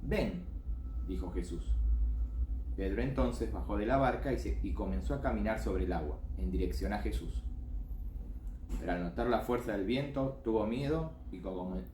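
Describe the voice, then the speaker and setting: A man's voice: on the low side, moderate pace, mellow, a little hiss or hum. A man teaching a children's church class, reading a Bible passage aloud with expression and voicing the quoted lines. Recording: echoey room.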